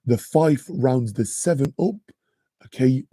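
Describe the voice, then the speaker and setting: Slow, mellow and husky, the deep voice of a maths tutor comes through with no echo as he teaches a live revision class. He keeps things chatty, often saying "okay" and "guys."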